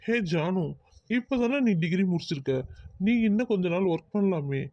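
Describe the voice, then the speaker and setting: A man's voice: sits high, animated, moderate pace, warm tone, no room sound, dull audio. A man voicing an exasperated young man in a cartoon, sighing and dodging a marriage. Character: exasperated young man, ambitious, reluctant groom. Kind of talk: Tamil cartoon voice acting.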